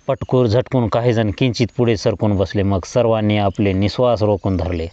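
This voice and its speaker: A male storyteller reads a novel aloud in a measured, literary way. His voice is low and dark, and the sound is dull and dry, like a lo-fi home recording. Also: dry recording. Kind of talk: audiobook reading of a novel.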